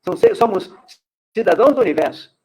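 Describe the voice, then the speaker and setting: A man's voice: sits high, sing-song, fast, darkish tone, slightly rough, low-quality recording. A man with a Brazilian Portuguese accent, a radio guest explaining things in a teaching way, full of examples. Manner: didactic, gives examples and conjugations. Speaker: guest speaker on Esperanto.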